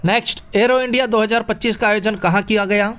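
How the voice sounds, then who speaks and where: High-voiced man teaching quiz mnemonics. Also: fairly even intonation, fast, fairly bright tone, clean tone. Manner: playful, jokey mnemonics, addresses listeners as brother. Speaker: exam coaching teacher. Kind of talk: current affairs quiz lesson with memory tricks.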